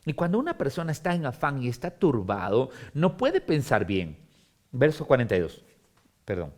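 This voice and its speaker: Lively pastor teaching scripture. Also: male voice, mid-range voice, normal speed. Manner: expressive, dramatizes scripture with emphatic repetition. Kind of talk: Bible study teaching. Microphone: streamed broadcast.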